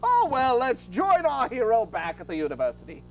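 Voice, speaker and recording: A woman narrating a scripted comic serial with wry, deadpan asides. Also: fairly high pitch, moderate pace, rough recording. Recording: faint hum and hiss.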